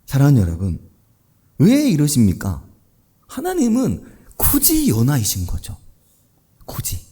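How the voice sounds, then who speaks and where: A man preaching a Sunday sermon as pastor, posing rhetorical questions and swinging between hushed low asides and raised, emphatic lines. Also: wildly swooping pitch, measured pace, breathy edge.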